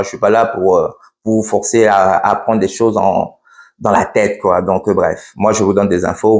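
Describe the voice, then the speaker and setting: A man with a lowish voice vlogging in a blunt, matter-of-fact way, often restarting his sentences. His voice echoes noticeably around the room he records in. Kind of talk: casual explainer vlog.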